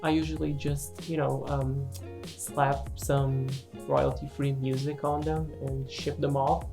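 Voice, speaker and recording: Low, unhurried woman, non-native English speaker. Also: little pitch movement, gravelly, music in the background. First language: not English. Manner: self-deprecating, hesitant. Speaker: gaming video creator. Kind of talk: casual unscripted voice-over commentary.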